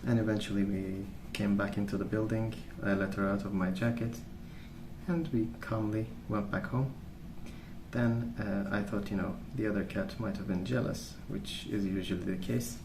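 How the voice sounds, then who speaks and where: A male ASMR creator with a fairly low pitch speaks in a soft, calm, leisurely manner, rambling casually as he tells a story. The recording has a roomy feel and distinct background noise.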